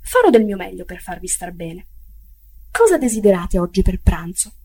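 Figure: fawning, chatty male prison food-seller, read by a woman. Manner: obsequious and gossipy, with loud, emphatic lines. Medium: audiobook. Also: medium pitch, very animated, moderate pace, breathy edge.

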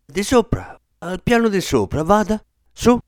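A man's voice: moderate pace, no room sound, studio quality, natural voice. A man voicing a young hospital nurse who shifts between hysterical squeals and stern firmness. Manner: hysterical and high in alarm, hushed when calming.

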